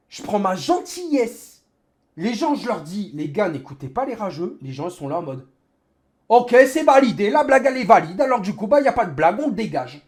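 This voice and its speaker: A raging gamer man rants on his livestream in an indignant, sarcastic way. His intonation is lively and swings widely, and he repeats phrases for emphasis. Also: sits high. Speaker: livestreamer, sim racing gamer. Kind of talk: angry livestream rant.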